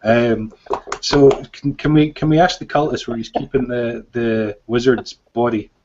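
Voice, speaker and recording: A man's voice: mid-range voice, steady tone, a little slow, darkish tone. A man playing a tabletop game, blunt and joking. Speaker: player. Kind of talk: casual tabletop play. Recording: dull lo-fi home recording.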